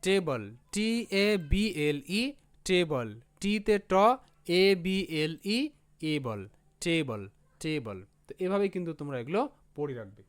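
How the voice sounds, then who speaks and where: Male teacher, high voice, clear and smooth, patient spelling drills, repeats words. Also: lively intonation, unhurried. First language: Bengali. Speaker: English teacher. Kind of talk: spelling lesson.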